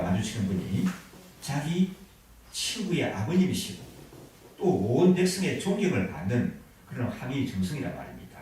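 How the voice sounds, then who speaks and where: A man's voice: medium pitch, a little mellow, heavy reverb, distant mic, slight background noise, poor audio. A man preaching a sermon as a pastor, telling a story and asking the congregation questions. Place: church sanctuary.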